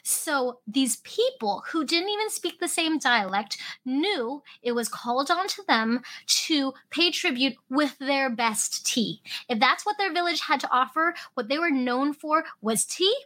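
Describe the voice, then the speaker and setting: A woman podcast host with a high, bright voice talks casually and eagerly. She leans into words with lively emphasis as she tells stories to her listeners. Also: measured pace, few pauses, rough recording. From Hong Kong, raised in Alaska. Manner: enthusiastic, storytelling, lively emphasis. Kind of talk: casual solo podcast talk.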